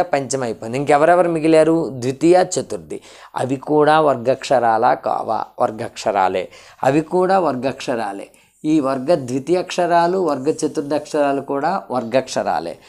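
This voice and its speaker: A man's voice: mid-range voice, animated, normal speed, a little mellow. A man teaching an exam-prep grammar lesson, asking questions and answering them himself while drilling lists of letters. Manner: drills lists with shifting pace.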